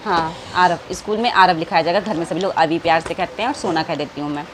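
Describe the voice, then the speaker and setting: Fast-talking and on the low side in pitch, an adult woman speaks affectionately to her audience in a casual vlog filmed inside the family home. She's a family vlogger, and the home background is noisy.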